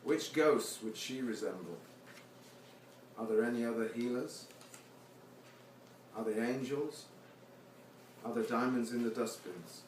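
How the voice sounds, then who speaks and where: A man reads his poems at a live venue in a mid-range, darkish voice, keeping a measured pace with long pauses. His informal introductions show a wry, self-deprecating humour toward the seated audience. The recording comes from far off in an echoey, noisy room.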